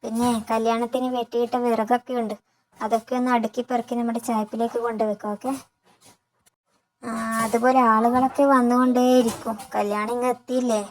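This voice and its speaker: A woman's voice: on the high side, level tone, fairly quick, slight background noise, lightly acted, poor audio. A woman voicing a domineering older mother-in-law who snaps and barks orders at the family. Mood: scolding. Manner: sharp, barking orders. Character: bossy older mother-in-law, shrill and commanding.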